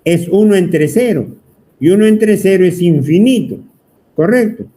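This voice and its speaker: A man's voice: high-pitched, lively intonation, unhurried, mellow. A man teaching an electronics class, talking at length and teasing his students. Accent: Peruvian Spanish. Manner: chatty, teasing, asks the class constantly. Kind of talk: whiteboard lecture.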